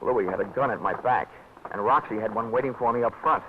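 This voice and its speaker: Johnny Dollar, an actor's wry hard-boiled investigator. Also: male voice, medium pitch, brisk, background noise, natural voice. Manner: dry, wisecracking first-person narration. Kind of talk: 1940s radio acting. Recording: tinny old radio broadcast with music.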